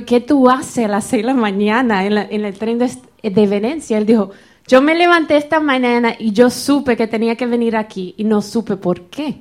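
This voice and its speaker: Animated high-voiced woman telling a story. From Florida, United States. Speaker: church member sharing a testimony.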